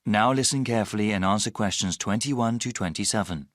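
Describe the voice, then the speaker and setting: A man's voice: fairly low pitch, fairly quick, no room sound, clean studio sound. A man reading scripted instructional narration for a listening test.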